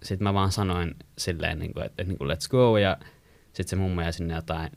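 A young man from Finland casually telling a long story to friends, rambling with many fillers and getting animated when he quotes people. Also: low voice, creaky, dry recording.

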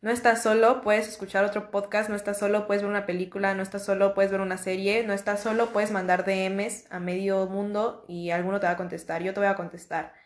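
A woman's voice: mid-range voice, level tone, a little fast, hardly any pauses, echoey room. Young Mexican woman, slangy and reassuring. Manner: warm, slangy, reassuring, repetitive. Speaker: podcast host. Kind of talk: casual motivational monologue.

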